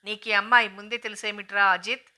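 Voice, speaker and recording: A woman's voice: medium pitch, flat delivery, fairly quick, bright, forceful tone. A woman reading the lines of a curious, motherly older aunt who asks question after question. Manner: inquisitive, questioning.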